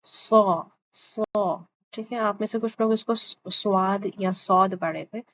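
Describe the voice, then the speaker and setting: A woman with a medium-pitched, fairly bright voice and fairly even intonation runs an online class on Quran pronunciation. Patiently, she repeats every letter sound for the students to echo. Expect slightly dull lo-fi audio and faint background hiss.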